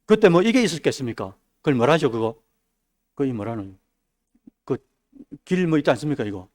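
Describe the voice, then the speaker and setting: A man preaching a midweek sermon, dropping his voice low and then rising loud. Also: big pitch swings, a little fast. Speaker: pastor. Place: church sanctuary.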